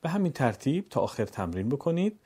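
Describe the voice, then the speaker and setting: Mellow husky male reading teacher. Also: mid-range voice, very animated. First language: Persian. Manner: slow, deliberate drawn-out vowel demonstrations; opens with formal poetic greeting. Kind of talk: recorded lesson, letter drills.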